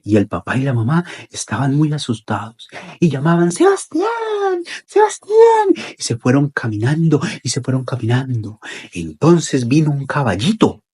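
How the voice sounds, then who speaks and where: A man telling a children's story in an expressive, repetitive way with dramatic pauses. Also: mid-range voice, breathy edge.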